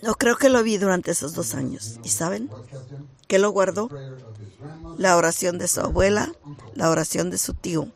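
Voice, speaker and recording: A man preaching a sermon, talking in a shy, halting way that rises into emphatic bursts. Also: high-pitched, gravelly.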